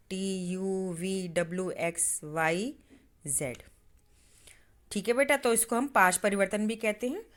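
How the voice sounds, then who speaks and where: A woman's voice: mid-range voice, a bit bright. A woman teacher giving a patient, step-by-step science lesson to schoolchildren, spelling letters aloud as she demonstrates. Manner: patient, addresses pupils as "beta".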